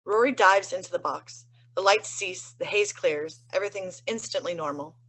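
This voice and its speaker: Woman reading stage directions, low. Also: normal speed, fairly bright tone, rough recording. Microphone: video call.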